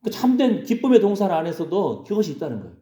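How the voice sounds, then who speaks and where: A man's voice: high voice, big pitch swings, quick pace, dark tone, roomy sound. A male pastor preaching a sermon in a conversational way, often checking in with the congregation. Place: church sanctuary.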